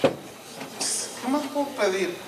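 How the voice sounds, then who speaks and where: An older-sounding Mexican man, nearing sixty, preaches with a fairly high voice and lively storytelling. He is picked up from a distance in an echoey sanctuary, with steady hiss behind him. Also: drawn-out words. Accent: Mexican Spanish. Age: 50s. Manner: animated, acts out dialogue in shifting voices. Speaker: pastor. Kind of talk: sermon with storytelling. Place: church sanctuary. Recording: echoey church hall, mic at a distance.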